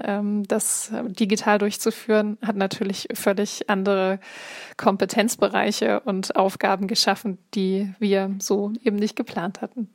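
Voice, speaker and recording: Woman, interview guest, little pitch movement, dry sound, structured and articulate explanations. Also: dry recording. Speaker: interview guest, event managing director. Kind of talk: interview answers, formal explanation.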